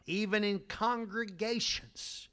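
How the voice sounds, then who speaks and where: A man with a high voice preaches a sermon as a pastor. He talks in a loose, conversational way and tells stories. He slips in sarcastic humor. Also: fairly even intonation, takes it slowly, a bit bright, clear, resonant tone.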